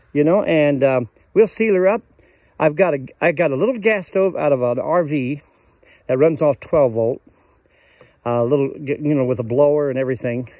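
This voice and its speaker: This is a casual walkthrough chat: an older man wanders around his cabin in the woods, phone in hand, rambling folksily with lots of fillers. His voice sits a little high and a touch mellow, with no echo.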